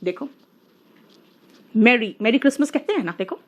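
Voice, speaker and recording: A woman teaching an English grammar lesson, coaxing her students and drawing out the example words slowly. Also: a little high, expressive.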